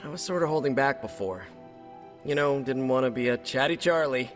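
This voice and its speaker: A man's voice: medium pitch, brisk, soft background music, close to an everyday voice. An American man playing a young, nerdy, wisecracking superhero in a video game, chatty and joking in a stop-and-start delivery. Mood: cheerful. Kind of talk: video game cutscene dialogue.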